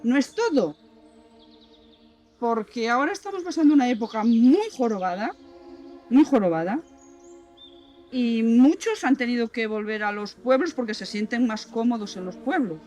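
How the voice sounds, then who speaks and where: A woman's voice: fairly high pitch, lively intonation, normal speed, long pauses, dark tone, faint music behind. A woman talking informally and spontaneously as an interviewee. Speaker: documentary interviewee.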